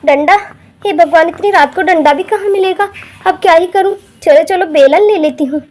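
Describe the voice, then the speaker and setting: A very high-voiced young housewife, voiced by a woman in a homemade doll drama. She fusses and talks to herself in a constant running commentary. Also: normal speed, darkish tone. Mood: determined.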